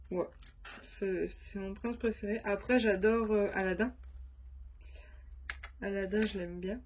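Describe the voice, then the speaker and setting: Stuffy-nosed woman chatting slowly. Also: medium pitch, darkish tone, slight background noise. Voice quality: chatty, rambling with fillers. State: stuffy nose, nasal. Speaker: crafts vlogger. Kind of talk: casual chat to camera.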